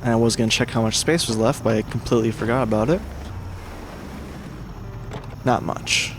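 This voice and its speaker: A man at a middle pitch talking through his game as he plays, casual and rambling. He restarts his sentences often and swears when the game frustrates him. A faint hiss sits behind his voice. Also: normal speed. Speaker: gaming YouTuber. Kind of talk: casual let's-play commentary.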